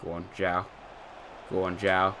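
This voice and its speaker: A young English man giving casual commentary over a football video game, chatty, muttering asides and cheering loudly at goals. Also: sits low, measured pace, slight background noise. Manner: chatty, swings between mumbled asides and excited shouts at goals. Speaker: gaming youtuber. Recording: light music behind.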